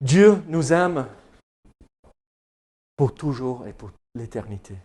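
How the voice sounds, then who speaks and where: A man's voice: mid-range voice, lively intonation, takes it slowly, warm tone. A male pastor preaching a sermon in French with an English-speaking accent, joking and chatting with the congregation between hesitations. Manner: jokey, chats with the congregation, frequent hesitations. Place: church service.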